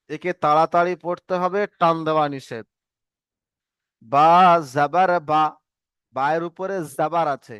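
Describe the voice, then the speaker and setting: A man's voice: fairly high pitch, fairly bright tone, smooth, dry recording, clean studio sound. A man teaching Arabic reading marks to students, patiently repeating drills and checking that everyone follows. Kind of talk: online Arabic letter lesson.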